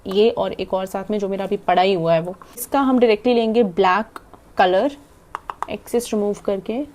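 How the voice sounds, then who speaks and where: Young Indian woman, makeup vlogger, mellow tone, quick chatty delivery with swallowed words. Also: medium pitch, a little hiss or hum. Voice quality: talks fast and swallows half her words. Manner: chatty, demonstrating while applying makeup. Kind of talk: casual makeup tutorial, Hindi-English mix.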